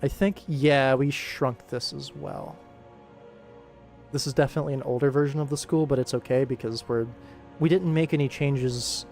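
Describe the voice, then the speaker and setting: Over soft background music, a young man chats loosely during a livestream while working on animation. He speaks at a moderate pace in a steady, mid-range voice with a darkish tone and some vocal fry.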